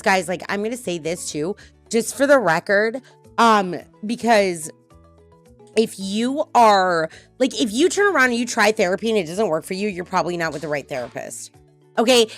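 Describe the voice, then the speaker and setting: A middle-aged woman hosting a casual podcast, talking bluntly and swearing freely as she tells personal stories. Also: on the high side. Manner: blunt, swearing, animated storytelling. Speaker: podcast host.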